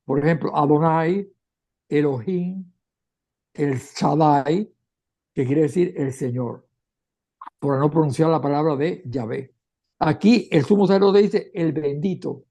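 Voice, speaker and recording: Gravelly, high-voiced male catechist. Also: slow, pauses often, warm tone. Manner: explanatory, reads scripture aloud then comments, occasional restarts. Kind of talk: Bible class explanation.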